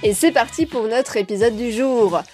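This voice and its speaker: A woman's voice: on the high side, animated, moderate pace, a little mellow, faint music behind. A woman hosting her solo podcast, talking to her listeners in a friendly, direct way. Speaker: podcast host. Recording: dry close recording.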